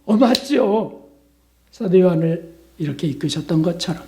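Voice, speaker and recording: Animated Korean pastor with a mellow voice. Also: male voice. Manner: animated, with sudden jumps in pitch and loudness; keeps asking the congregation questions such as "right?". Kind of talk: Lenten sermon.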